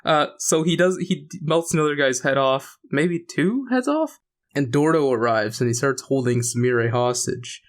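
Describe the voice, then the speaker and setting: A man's voice: medium pitch, lively intonation, normal speed. A man co-hosting a podcast, casually recapping a story with many fillers and restarts. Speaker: podcast host. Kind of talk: casual chat.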